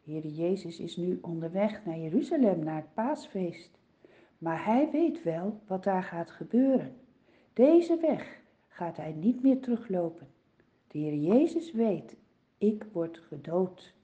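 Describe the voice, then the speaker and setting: A woman tells a Bible story to children, slow and expressive, her pitch swooping up and down. Her tone is mellow and somewhat high. The recording sounds dull and lo-fi.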